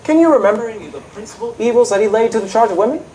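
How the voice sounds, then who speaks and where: A woman acts an earnest young man in love, courteous and dryly witty. The Shakespearean stage delivery is very lively in pitch, recorded with faint noise behind it. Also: rapid-fire, natural voice, poor audio. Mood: curious, courteous. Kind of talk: Shakespearean stage comedy acting.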